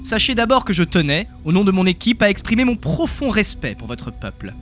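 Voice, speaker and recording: A man's voice: high-pitched, big pitch swings, brisk, fairly bright tone, soft background music. A man playing a self-serving cartoon team spokesman with formal, wordy politeness. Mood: diplomatic.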